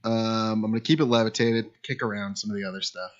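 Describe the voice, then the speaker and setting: Man, player, low voice, eager, thinking aloud, muffled stream audio. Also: steady tone, fast. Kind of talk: casual tabletop game play.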